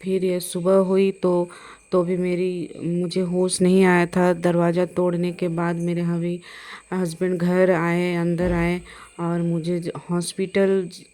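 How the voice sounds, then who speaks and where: A woman's voice: on the low side, completely flat delivery, slow pace, mellow. A middle-aged woman recounting a frightening personal experience, hesitant, with many fillers and restarts. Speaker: storyteller.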